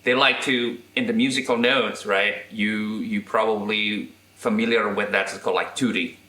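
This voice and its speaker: A man from Indonesia with an Indonesian accent, chatting as an interview guest, with halting restarts and tag questions. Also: on the low side, fairly even intonation, pushed and bright, echoey room. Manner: halting, frequent "right?" tags and restarts. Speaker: guest guitarist and electronics restorer. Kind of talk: casual interview chat.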